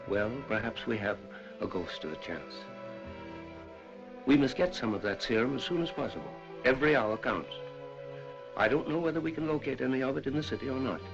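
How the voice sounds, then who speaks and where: An actor as a grave old-film doctor. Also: male voice, medium pitch, natural voice. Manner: measured, grave. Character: grave kindly male doctor giving bad news. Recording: dull old film soundtrack with music.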